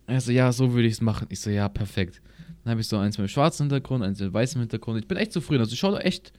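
A man's voice: mid-range voice, expressive, racing, a little mellow, no echo. Slangy young man telling a rambling story. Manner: slangy, rambling anecdote with acted-out quotes. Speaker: podcast co-host. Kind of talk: casual chat, storytelling. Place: at his home computer.

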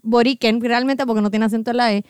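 A woman's voice: fairly high pitch, fairly even intonation, fast, a little mellow, smooth, no room sound, clean studio sound. A woman with a Puerto Rican accent, co-hosting a casual podcast chat, joking and swearing as she tells stories. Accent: Puerto Rican Spanish. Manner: joking, profane, storytelling. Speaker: podcast co-host.

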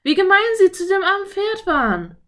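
A woman voicing a young girl who is timid and curious, speaking high and often hushed. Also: slow pace. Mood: upset.

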